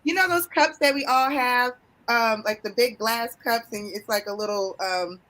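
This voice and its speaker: A woman's voice: a little high, moderate pace, fairly bright tone, rough recording. Woman, live stream host, effusive, chatty, emotional.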